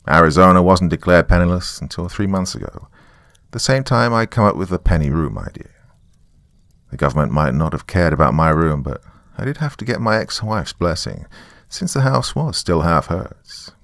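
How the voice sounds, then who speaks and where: A man with a very low, creaky, fairly bright voice plays a jaded, middle-aged small-town narrator confiding a horror story in the first person. His heavily acted, expressive delivery is sardonic and matter-of-fact at a moderate pace, full of dry asides, wry and confiding. The recording is dry and close.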